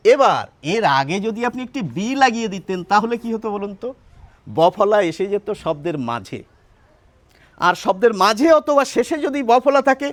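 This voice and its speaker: A man's voice: sits high, fairly bright tone, no room sound. A man teaching a pronunciation lesson, patiently explaining and asking his listeners questions, then answering them himself.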